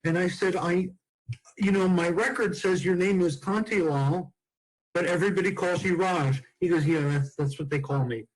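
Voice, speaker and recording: This high-pitched man in his sixties hosts a casual comedy chat, cracking jokes and spinning anecdotes at a normal pace. The recording quality is rough.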